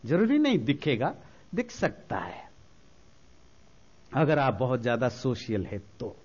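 A man giving a spiritual talk, explaining slowly with everyday examples and mixing English phrases into his speech. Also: medium pitch, huge pitch swings, a little mellow, breathy edge, lo-fi sound. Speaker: spiritual teacher.

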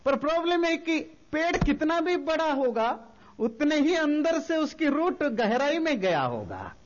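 A man giving a spiritual talk, explaining slowly with everyday examples and mixing English phrases into his speech. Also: very high voice, big pitch swings, lo-fi sound. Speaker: spiritual teacher.

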